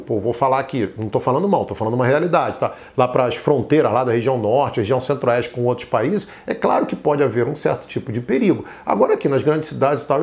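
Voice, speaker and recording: Man, Carioca accent, middle-aged, rapid delivery, chatty advice talk. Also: mid-range voice, vocal fry, darkish tone. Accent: Carioca Brazilian Portuguese. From Rio de Janeiro. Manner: chatty and emphatic, acts out imagined questions. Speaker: tax auditor and exam-prep teacher. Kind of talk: casual advice talk to viewers.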